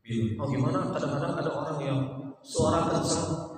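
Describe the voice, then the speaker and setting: A man preaching in a mosque, telling lively stories, mimicking voices and chanting Arabic phrases. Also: on the high side, fairly quick, slight background noise. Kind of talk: mosque sermon. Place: mosque hall. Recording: echoey hall from far off.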